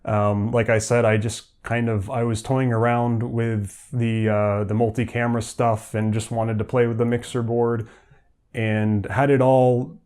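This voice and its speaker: A man's voice: medium pitch, darkish tone, smooth. A man casually demoing a new audio mixer in his video, rambling along with lots of fillers and restarts. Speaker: YouTube vlogger demoing a mixer. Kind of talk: casual equipment demo.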